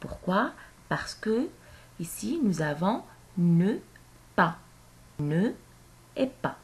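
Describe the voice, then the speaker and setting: A woman teaching a grammar lesson to young children, speaking slowly and clearly and repeating phrases for them to say back. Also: mid-range voice, big pitch swings.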